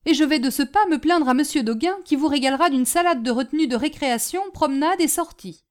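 A greedy school porter barks his demands, indignant and insistent, as a woman reader voices him. The delivery is high and forceful. It has a storybook reading feel. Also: fast, close to an everyday voice.

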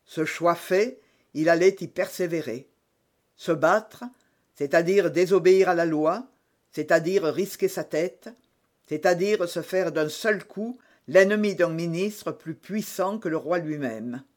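A man narrating an adventure audiobook with expressive, dramatic storytelling. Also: fairly high pitch, a little slow.

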